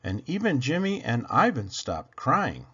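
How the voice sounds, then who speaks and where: A man reads a children's picture book aloud for his channel in a mid-range, fairly bright, husky voice whose pitch swoops wildly, keeping a measured pace. He adds dramatic emphasis and asks his listeners questions, with dull lo-fi audio throughout.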